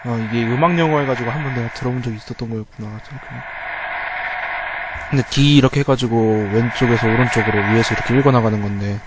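A man's voice: mid-range voice, fairly even intonation, quick pace, very noisy. Man muttering through a game puzzle. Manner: muttering to himself while solving a puzzle. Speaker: game streamer. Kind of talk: live game playthrough. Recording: loud game music over the voice. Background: loud game music.

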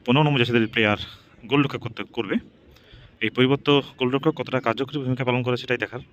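A man calls a football match at a quick clip. He works as a play-by-play commentator, often repeating names and phrases. His pitch sits in an ordinary middle range for a man. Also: fairly even intonation, muffled recording. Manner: repeats team names and phrases while following each shot. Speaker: football commentator and channel host.

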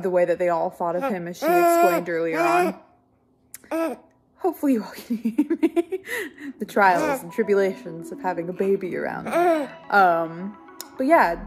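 A young woman chatting casually about a book she is reading, rambling a little and making self-deprecating asides, recorded at home in a living room on a tablet's built-in mic. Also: medium pitch. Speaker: book club vlogger. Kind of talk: casual book discussion chat. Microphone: tablet built-in mic, close and low.

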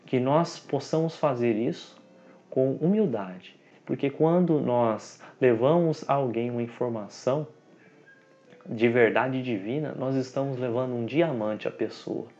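A man in his thirties giving a devotional talk in a small room, slow and earnest, stretching key words. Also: medium pitch, darkish tone, dull audio. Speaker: spiritist lecturer. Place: small dim room indoors.

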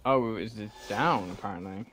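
A young gameplay streamer whose first language isn't English gives casual let's-play commentary in a fairly low, fairly bright voice at normal speed. He rambles, corrects himself and swears at the game.

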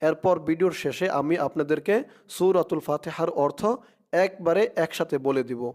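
A man with a Bangladeshi Bengali accent giving a religious lesson, spelling out Arabic letter by letter and chanting verses slowly. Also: on the high side, darkish tone. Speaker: Quran recitation teacher.

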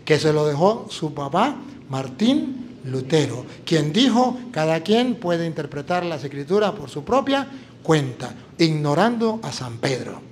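Latin american priest preaching, high voice, acts out all the voices in his story, faint room noise. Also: unhurried. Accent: Latin American Spanish. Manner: animated, acts out dialogue in story. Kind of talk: sermon with storytelling.

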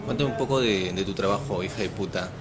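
Fast-talking male interviewer outdoors. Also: sits low, a loud crowd. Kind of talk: festival interview questions.

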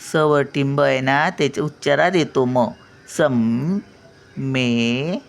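An older woman teaching a spelling and pronunciation lesson, slowly drawing out syllables to show how words are said. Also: sits low, fairly even intonation, gravelly.

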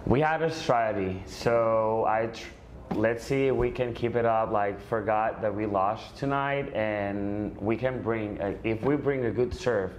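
Halting low-voiced man at a press conference. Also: slight background noise. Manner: halting, many fillers, searching for words. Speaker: volleyball player. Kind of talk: post-game press conference answers.

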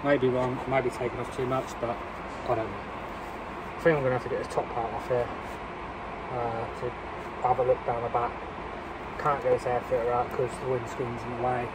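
Standing beside a car with its bonnet open, a man films a casual work vlog on a phone camera held near him, chatting and thinking aloud as he fixes the engine. He speaks at medium pitch and a moderate pace in a flat manner, with outdoor ambience audible behind him.

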